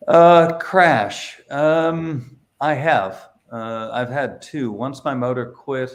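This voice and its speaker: A man's voice: mid-range voice, very slow. A middle-aged man, a paramotor instructor, telling stories in a casual interview, with lots of fillers and restarts. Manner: hesitant, many fillers and restarts.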